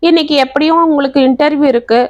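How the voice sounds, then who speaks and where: A woman's voice: sits high, fast talker, dry recording, lo-fi sound, close to an everyday voice. A woman voicing a tearful, pleading young woman in love.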